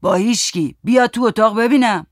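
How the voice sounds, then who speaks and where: Narrator playing a cranky sick old grandpa, storybook, loud and irritable. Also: male voice, sits high, no room sound, clean studio sound. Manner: shouting, irritable.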